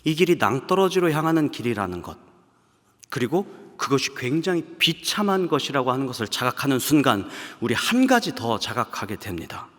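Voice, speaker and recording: Fervent male pastor preaching in an echoing church. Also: mid-range voice. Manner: swings between fervent raised passages and hushed whispers. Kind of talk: sermon. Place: large church sanctuary. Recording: long hall reverb from a large church.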